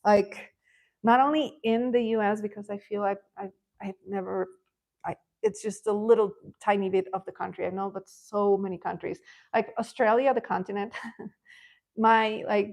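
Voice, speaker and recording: A woman's voice: medium pitch, creaky, a little mellow. A middle-aged woman from Ecuador chatting casually as a livestream host, answering comments while coloring, often laughing and rambling.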